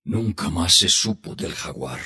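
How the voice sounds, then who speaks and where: A man reads as an old grandfather, spinning a hunting tale for the kids. The voice is low and very husky, and it swings widely in pitch as he slows down for the tense moments of this storybook tale. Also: lively intonation, sharp tone, full character voice. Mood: reminiscing. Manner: slow, heartfelt storytelling. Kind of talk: storybook reading.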